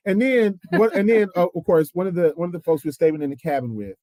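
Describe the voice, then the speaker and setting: A man's voice: sits high, quick pace, no echo. A man co-hosting a gospel podcast, telling funny stories in a casual chat and acting out the people he quotes. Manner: animated storyteller who acts out quotes. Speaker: podcast co-host.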